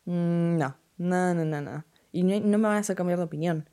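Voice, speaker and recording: A woman's voice: lowish voice, normal speed, mellow. A teenage girl with an Argentine accent giving blunt, dismissive opinions on fashion in a casual vlog, repeating "no" often. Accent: Argentine Spanish.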